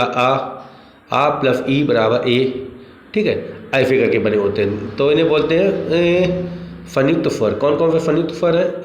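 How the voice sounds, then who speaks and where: Man teaching in an echoey room. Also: mid-range voice. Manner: repeats questions and answers them himself. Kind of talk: exam-prep grammar lesson. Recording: echoey room, dull lo-fi sound, faint background noise.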